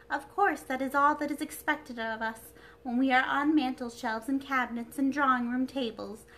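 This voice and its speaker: A woman's voice: high voice, a bit bright, voice pushed up. A woman reading a storybook aloud, voicing a timid, dainty china doll princess in a frightened little voice. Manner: fearful, delicate and prim.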